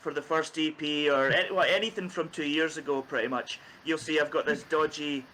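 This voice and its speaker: A man's voice: a little high, steady tone, fairly quick, sharp tone, slight background noise, rough recording. A man from the east coast of Scotland, telling self-mocking stories as a band guest on a video call. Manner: jokey, self-mocking storyteller. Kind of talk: casual chat.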